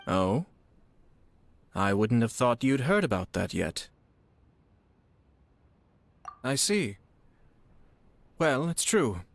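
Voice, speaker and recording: Courteous, composed noble lord. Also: male voice, medium pitch, very animated. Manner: formal, genteel, measured. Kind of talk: video game character acting.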